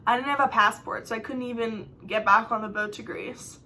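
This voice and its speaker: A young woman vlogger telling travel stories in a chatty, dramatic way, swinging between loud exclamations and hushed asides. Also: on the high side, steady tone, brisk, a little hiss or hum. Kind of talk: storytime vlog, casual storytelling.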